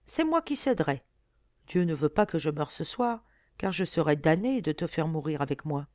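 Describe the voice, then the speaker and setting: A woman's voice: deep voice, animated, moderate pace, a little mellow, no echo. A woman reading a bitter young nobleman. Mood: bitter resigned. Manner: bitter, resigned.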